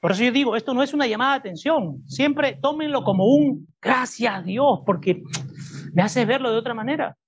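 A husky man preaches to his church congregation, pressing his points and throwing questions back at the room. The recording sounds muffled and dull. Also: very high-pitched, lively intonation, a little fast. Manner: emphatic, asks the congregation rhetorical questions. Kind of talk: sermon. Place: church service before a congregation.

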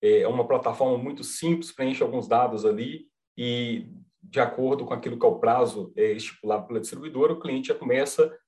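A man from Minas Gerais, Brazil, speaking Mineiro Brazilian Portuguese at a medium pitch and a little fast, explains a product as a company representative on a podcast. He's calm, patient and reassuring, checking in often with "tá?"

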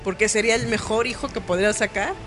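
A woman with a Mexican accent chatting casually as a podcast co-host, lively and acting out quotes in silly little voices. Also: mid-range voice, fast. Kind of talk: casual chat. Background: background music.

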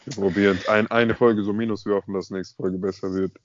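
A man's voice: fairly low pitch, little pitch movement, fairly quick, slight background noise. Slangy young man on a dull call recording. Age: young adult. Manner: slangy, emphatic, peppered with filler address words. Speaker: podcast co-host. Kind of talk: casual chat and storytelling. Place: at home on an internet call. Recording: slightly dull internet call audio.

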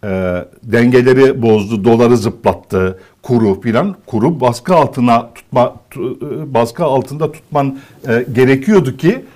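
A man talking through a point in a commentary chat, steady and mid-pitched. He builds his case with emphatic rhetorical questions and repeats key phrases to drive it home. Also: measured pace, few pauses.

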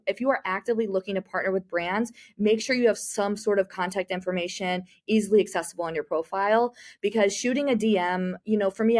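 A woman's voice: mid-range voice, a little mellow. Chatty woman talking marketing. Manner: chatty, with many "you know" fillers. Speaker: marketing communications manager. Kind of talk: interview answers.

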